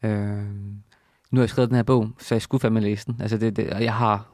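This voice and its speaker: A man hosting an interview in a hesitant, reflective way, often pausing to search for words. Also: on the low side, level tone, darkish tone, no echo, clean studio sound. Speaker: podcast host and author.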